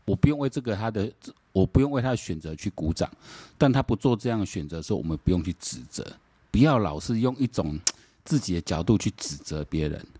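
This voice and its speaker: A man's voice: lowish voice, animated, fast talker, mellow, husky, no echo. A middle-aged man with a Taiwanese accent hosting a political commentary podcast, rambling and repeating words, slipping into Taiwanese Hokkien and firing off mocking rhetorical questions. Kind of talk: casual solo political commentary.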